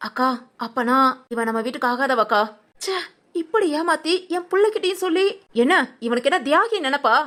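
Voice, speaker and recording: A woman's voice: sits high, animated, fairly quick, fairly bright tone. A woman playing a domineering mother-in-law who harshly scolds her daughter-in-law in a village family drama. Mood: scolding.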